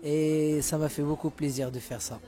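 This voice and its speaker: This guest, a male Moroccan musician and native Moroccan Arabic speaker, talks at normal speed with a dark, steady, slightly high voice. The interview is casual, and he tends to repeat words as he searches for terms.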